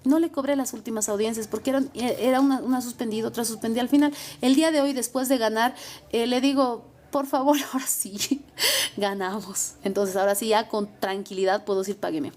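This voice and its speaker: A woman's voice: fairly high pitch, steady tone, fast talker, darkish tone. Emphatic woman lawyer. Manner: emphatic, repetitive. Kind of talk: advice talk.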